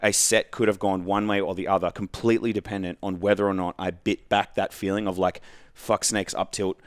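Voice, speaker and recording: A man's voice: sits low, fast talker, dry recording. A young adult man with an Australian accent, a podcast guest chatting casually in a rambling, self-interrupting way. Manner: rambling, self-interrupting, animated when recalling matches. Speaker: podcast guest, competitive gamer. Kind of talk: casual conversation.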